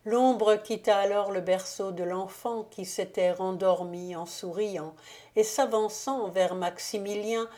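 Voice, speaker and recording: A woman narrating a classic novel as a volunteer audiobook reader, in a measured, even reading. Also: medium pitch.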